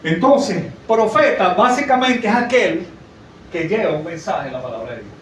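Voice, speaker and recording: A man with a high voice preaches a sermon and keeps checking in with his listeners. He sounds like he is in a very echoey hall, picked up from well away from the mic. A faint hiss sits behind him. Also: expressive, moderate pace. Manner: conversational, asks the congregation questions. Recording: echoey, from far off, faint noise.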